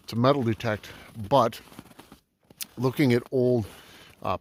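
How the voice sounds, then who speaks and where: A man narrating a casual outdoor vlog in snowy woods, easygoing and full of ums and uhs, talking to a camera set up on the trail. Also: medium pitch. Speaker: metal detecting vlogger.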